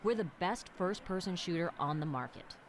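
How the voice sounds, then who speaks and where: A woman's voice: fairly low pitch, moderate pace, slight background noise, close to an everyday voice. A woman playing a glib game marketing director. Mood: salesy. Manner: salesy, glib and dismissive. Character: brash woman marketing director hyping a shooter. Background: game music.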